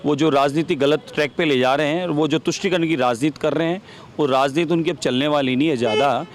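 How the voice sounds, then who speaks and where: A man's voice: on the high side, fast, a little hiss or hum. A man giving a heated interview as a legislator, combative, repeating rhetorical questions.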